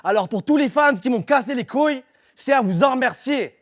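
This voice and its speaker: A man from Quebec with a Québécois accent rapping a live battle verse. His voice sits very high for a man. He hits his rhymes hard and confrontationally. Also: animated, a little fast. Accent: Québécois French. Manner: aggressive rhymed delivery, punchy and confrontational. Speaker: battle rapper. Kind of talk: live battle rap performance.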